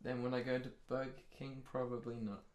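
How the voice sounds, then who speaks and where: A man's voice: mid-range voice, flat delivery, a little fast, darkish tone. Rambling man in an echoey room. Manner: laughing, rambling, hesitant. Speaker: podcast co-host. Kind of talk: casual chat.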